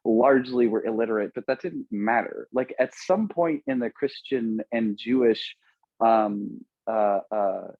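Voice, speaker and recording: A man in a casual podcast conversation who explains his ideas in a thoughtful, steady way. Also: mid-range voice, unhurried, no echo. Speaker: podcast co-host. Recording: slightly dull lo-fi audio.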